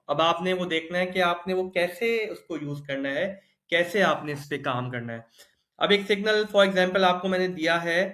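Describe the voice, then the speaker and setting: A man's voice: fairly high pitch, a bit bright. Explanatory man. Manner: explanatory, repeats "theek hai" often. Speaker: crypto trading instructor. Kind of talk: screen-recorded tutorial walkthrough. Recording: roomy echo.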